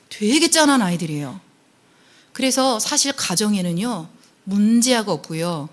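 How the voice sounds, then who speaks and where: A woman, a family counselor, giving a church seminar lecture in an animated way, acting out quotes and tossing in questioning tags. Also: medium pitch. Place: church service.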